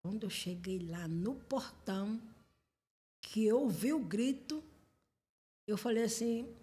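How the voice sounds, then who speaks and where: A middle-aged woman telling a personal testimony as a podcast guest, animated and acting out the dialogue she recalls. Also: mid-range voice, slow pace. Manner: animated, acts out quoted dialogue. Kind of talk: testimony storytelling.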